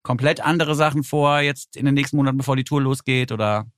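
A man's voice: medium pitch, fast, fairly bright tone, dry recording. A man hosting a podcast, asking questions and chatting casually. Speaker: podcast host. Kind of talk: casual interview chat.

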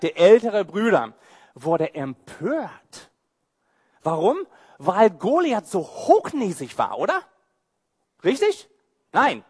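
Unhurried and animated, this sermon comes from a male pastor whose high voice swoops up and down. His tone is playful and mocking, full of rhetorical questions and derisive asides.

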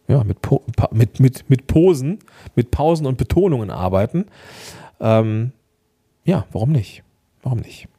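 A man hosting a podcast, giving chatty, encouraging advice straight to the listener and often checking in with a quick "ja?". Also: mid-range voice, warm tone, slightly rough. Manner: chatty, encouraging, addresses listener directly with frequent "ja?". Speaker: podcast host and coach. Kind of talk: casual podcast advice monologue.

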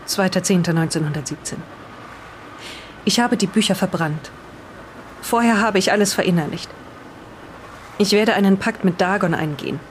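The speaker, playing an earnest and defensive island resident in an improvised radio play, reads solemnly and deliberately as if aloud from a text. A little hiss or hum sits under the mid-range voice, which stays close to an everyday one.

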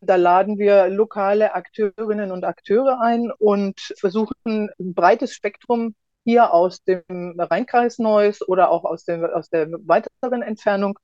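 A woman's voice: medium pitch, fairly even intonation, measured pace, warm tone, dry recording. Woman interviewee, slightly dull dry recording. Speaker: spokeswoman of a local association, podcast guest. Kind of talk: explanatory interview talk.

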